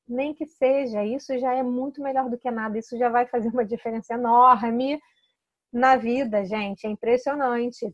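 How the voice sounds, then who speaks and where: Speaking in a high voice with a Brazilian Portuguese accent, a woman consultant shows how to use essential oil products in informal talk to camera. She's persuasive and chatty, leaning on tag questions and frequent sentence restarts, and the audio is dull without echo.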